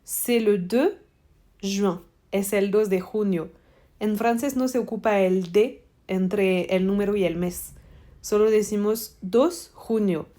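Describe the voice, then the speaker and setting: A woman teacher leads a French exam-prep lesson at an unhurried, measured pace. She switches between explanations and model answers, saying each answer slowly and often twice so students can follow. Her pitch sits in a middle range. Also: mellow. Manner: slow, deliberate, repeats model answers.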